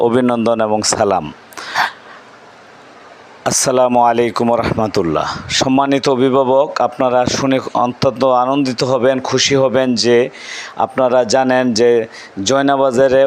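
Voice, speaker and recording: A man from Bangladesh, a madrasa principal, speaking informally to parents and often restarting and correcting himself. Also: mid-range voice. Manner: speaks plainly with frequent restarts and self-corrections.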